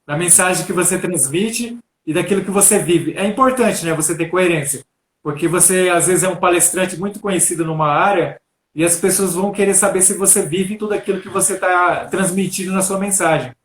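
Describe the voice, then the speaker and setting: A Brazilian man talks as a coach during a live session. His voice sits a touch high and carries a roomy echo. He explains patiently and keeps checking in with his listeners. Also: a little fast. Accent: Brazilian Portuguese. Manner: calm, instructive, repeats "né?". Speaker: coach and speaker. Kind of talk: live stream talk, answering questions.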